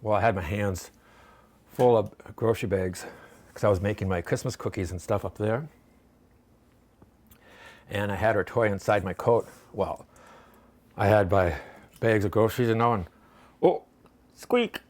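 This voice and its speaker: A man's voice: fairly low pitch, normal speed, long pauses, darkish tone. Chatty man demonstrating a recipe at home. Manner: chatty, rambling, folksy. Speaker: home cooking vlogger.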